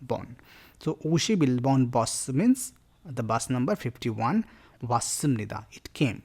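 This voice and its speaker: Gravelly man teaching a language. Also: mid-range voice, darkish tone. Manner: mixes Hindi and English while explaining Korean grammar. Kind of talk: explaining a lesson.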